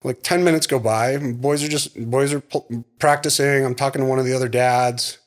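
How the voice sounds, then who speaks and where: A man co-hosting a podcast, telling a long story in a rambling, animated way and acting out the dialogue. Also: medium pitch, fairly quick. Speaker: podcast co-host. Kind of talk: casual storytelling chat.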